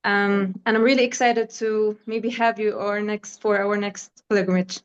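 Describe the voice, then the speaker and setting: A woman from Palestine, a program assistant, giving a polite, even self-introduction on a video call. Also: medium pitch, moderate pace, clean tone. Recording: dull, muffled video call audio.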